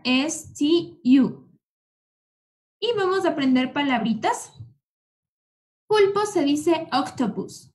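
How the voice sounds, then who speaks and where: A woman's voice: high voice, a little mellow. A woman teaching an English alphabet lesson, patiently drilling letters one at a time and using affectionate little words. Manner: uses affectionate diminutives. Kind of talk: slow, repeated children's-style alphabet lesson.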